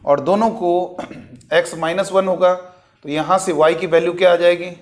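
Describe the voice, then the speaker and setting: A man's voice: sits high, fairly even intonation, measured pace. A man teaching maths to exam students, working through a problem step by step and asking and answering his own questions, with spoken.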